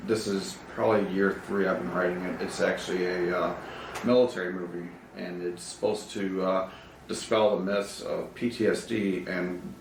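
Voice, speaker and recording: A man with a very low voice talks loosely in a casual interview, often breaking into laughs. He sounds set back from the mic in an echoey room, with a faint hiss underneath. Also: far from the mic. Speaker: podcast guest, actor.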